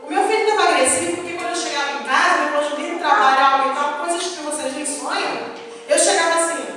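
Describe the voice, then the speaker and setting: High-voiced woman preaching in an echoey hall. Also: fast. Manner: animated, acts out her own quoted words. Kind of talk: sermon. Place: large church hall. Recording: echoey church hall from far off with music. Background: music.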